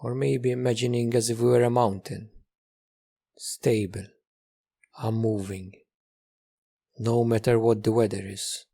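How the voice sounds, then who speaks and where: A man guides a meditation as its teacher, offering soft instructions at a calm, measured pace with repeated phrases and long pauses. His voice sits at medium pitch, with a creaky, slightly breathy edge.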